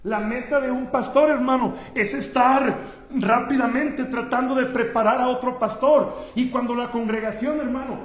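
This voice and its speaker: A man preaching from a church pulpit in a very high voice, swinging between loud cries and low, hushed passages. He keeps turning to address his listeners directly. The sound rings around an echoey sanctuary. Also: steady tone, moderate pace. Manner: impassioned preaching that swings from shouting to hushed, often calling out "hermano". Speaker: pastor. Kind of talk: sermon.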